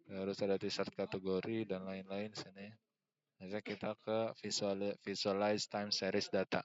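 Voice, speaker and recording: A young man walks through a software tutorial, hesitant and full of fillers as he thinks aloud while clicking. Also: low voice, monotone, moderate pace, lo-fi sound. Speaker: student presenting a tutorial. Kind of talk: screen-recorded software tutorial.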